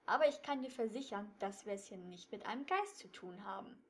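A woman's voice: medium pitch, animated, a little fast, close to an everyday voice. A woman voicing a clever teenage boy detective who explains firmly and a little impatiently. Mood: insistent. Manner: firm, explaining, slightly impatient.

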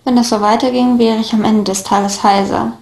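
A woman narrating a first-person story in a steady, even reading voice. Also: on the high side, normal speed. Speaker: audiobook reader. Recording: echoey room.

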